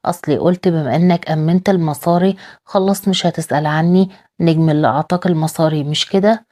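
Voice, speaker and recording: A scheming young man speaks with scorn, as a woman narrator reads him. The voice stays low and mellow, with an Egyptian accent. It is delivered in a plain recap style. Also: fairly even intonation, fast, lightly acted. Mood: scornful. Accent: Egyptian Arabic.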